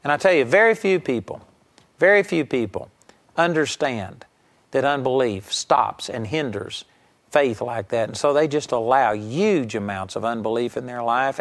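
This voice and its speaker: A middle-aged man preaching a sermon, telling stories emphatically and acting out raised voices. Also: medium pitch. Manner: emphatic storytelling preaching, acting out quoted shouts.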